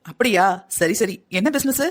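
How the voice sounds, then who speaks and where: A woman's voice: mid-range voice, expressive, normal speed, natural voice. A woman voicing a caring mother in a cartoon story, giving motherly advice. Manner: motherly, advising. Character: caring middle-aged mother.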